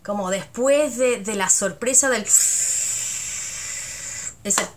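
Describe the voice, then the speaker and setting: A woman's voice: mid-range voice, takes it slowly, a little hiss or hum. A woman from Chile with a Chilean Spanish accent, playfully explaining slang in a comedic vlog and exaggerating sounds and intonation. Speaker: vlogger.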